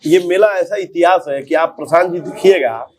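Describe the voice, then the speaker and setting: A man's voice: a little high, normal speed, a little mellow. A man from Bihar, a politician talking in an earnest, speechlike way and repeating his key phrases in a casual interview. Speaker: politician on a walking campaign.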